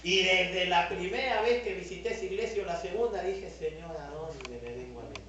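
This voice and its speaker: A man with a Peruvian Spanish accent preaching a lively sermon as pastor, acting out the voices he quotes. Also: high-pitched, a little fast, muffled recording, slight background noise. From Peru. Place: large church hall. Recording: echoey hall, mic at a distance.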